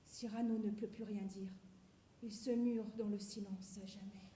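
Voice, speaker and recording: A woman playing Edmond, a flustered married male playwright, on stage with halting, declamatory delivery. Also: mid-range voice, fairly even intonation, warm tone, a little hiss or hum, close to an everyday voice. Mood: absorbed storytelling. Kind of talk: theatrical stage acting. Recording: very echoey stage recording.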